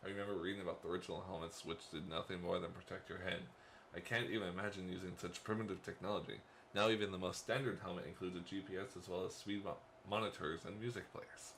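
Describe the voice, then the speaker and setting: A man's voice: sits low, steady tone, quick pace, fairly bright tone, slight background noise. A man hosting a let's play, reading a visual novel's first-person narration aloud with playful asides and chuckles.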